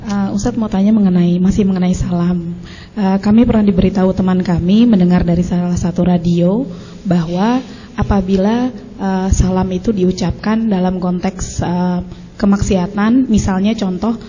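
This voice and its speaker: Woman audience member, polite and hesitant, mellow tone, echoey hall recording. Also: medium pitch, fairly even intonation, slightly rough. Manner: polite, hesitant, many pauses. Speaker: audience member asking a question. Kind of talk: polite question from the floor. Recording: echoey hall, muffled lo-fi with faint hiss.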